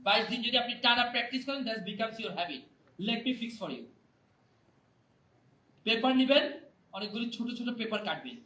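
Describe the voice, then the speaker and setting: A male public speaking trainer with a high, bright voice leads a live motivational workshop in a hall before an audience. He is energetic, speaks at a moderate pace with frequent pauses, and keeps quizzing the crowd for answers. The mic is distant and the hall echoes.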